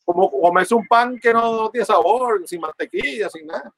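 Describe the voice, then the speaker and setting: A man's voice: high-pitched, moderate pace, a crowd in the background, poor audio. A man with a Puerto Rican accent hosting a casual interview, friendly and chatty, often voicing agreement. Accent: Puerto Rican Spanish. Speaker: interviewer host.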